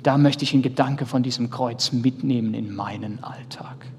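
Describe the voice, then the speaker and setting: A man in his thirties, a pastor, preaching a sermon earnestly, speaking straight to his listeners and shifting between loud and soft. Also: mid-range voice, steady tone, normal speed, slight background noise. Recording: reverberant hall, faint ambience.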